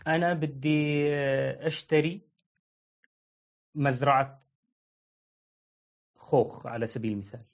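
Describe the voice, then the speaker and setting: A man teaching a religious lesson, explaining rulings with lively everyday examples and acting out buyers and sellers. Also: a little high, a little slow, long pauses. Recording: tinny phone-like line.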